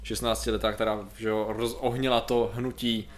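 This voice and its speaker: A man's voice: fairly low pitch, a little hiss or hum. Sarcastic joking man in casual chat. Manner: sarcastic, joking, animated rants. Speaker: podcast co-host.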